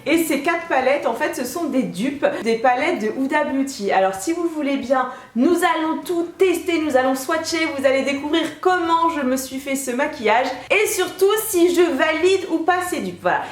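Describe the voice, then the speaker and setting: A young woman chatting excitedly to camera as a beauty vlogger, sitting at her makeup table indoors. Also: high-pitched, normal speed, few pauses. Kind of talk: casual beauty vlog. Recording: echoey room.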